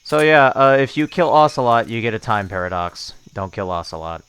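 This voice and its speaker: A man's voice: medium pitch, expressive, a little fast, fairly bright tone, clean tone. A young man casually commenting on his gameplay in a goofy, rambling way, often muttering to himself. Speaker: let's play streamer.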